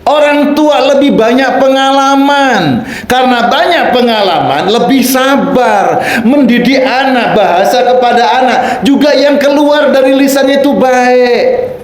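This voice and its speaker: A male preacher delivers a playful sermon in a high voice, acting out small dialogues. His delivery is slow and unhurried. The sound carries a noticeable room echo. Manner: playful, acts out quoted voices, rising to shouts for emphasis. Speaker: Islamic preacher. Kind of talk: lively sermon with acted dialogues.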